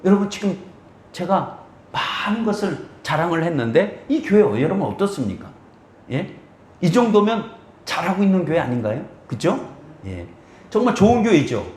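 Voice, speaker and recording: A man's voice: high voice, sing-song, normal speed, darkish tone, roomy sound, a little hiss or hum. A male pastor preaching a sermon in a church, questioning the congregation and acting out quoted voices. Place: church sanctuary.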